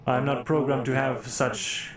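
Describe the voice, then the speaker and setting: A man voicing a calm, overly smooth android soldier, speaking in formal, even, unemotional machine phrasing. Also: medium pitch, unhurried, crowd noise, natural voice. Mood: smooth, flat. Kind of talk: voicing a character in a tabletop roleplay. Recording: echoey room with faint music.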